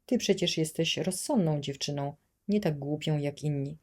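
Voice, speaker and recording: In an audiobook reading, a woman voices a cruel, bullying male administrator who shouts threats at children. She uses a low pitch at a moderate pace, and the mood is menacing.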